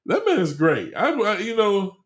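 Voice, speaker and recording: Fairly high, animated male sports co-host. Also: normal speed, echoey room. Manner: presses with pointed questions, playful ribbing. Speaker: sports talk show co-host. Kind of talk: casual sports chat.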